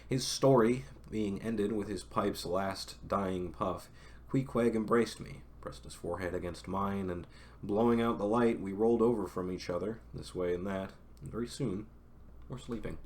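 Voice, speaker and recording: His voice is low and a little mellow as this young streamer works through a classic novel at an unhurried pace. The reading gets broken up by casual, self-correcting asides to chat.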